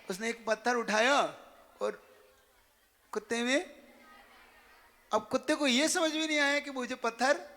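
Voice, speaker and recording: A man's voice: very high voice, bright, forceful tone, in a large hall. A male preacher giving a sermon to young students. He tells stories and asks many rhetorical questions. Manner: storytelling, full of rhetorical questions. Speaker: religious preacher.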